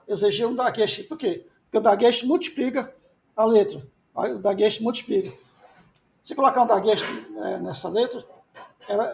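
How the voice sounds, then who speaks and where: With a high, a little mellow voice marked by vocal fry, a pastor teaches biblical Hebrew in a classroom lecture. He restates the main points and responds to his own questions.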